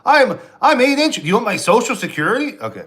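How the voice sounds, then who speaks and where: A man's voice: high voice, wildly swooping pitch, quick pace, a bit bright. A man from Pennsylvania, a stand-up comedian, rambling sarcastically in a casual live stream while answering chat, with frequent restarts.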